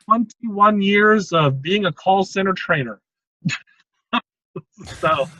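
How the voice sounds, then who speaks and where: A man's voice: high voice, animated, slow, pushed and bright, dry recording, muffled recording. A man hosting an interview, explaining conversation techniques in a casual, teaching way with frequent chuckles. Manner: explanatory, chuckles often between points. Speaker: host.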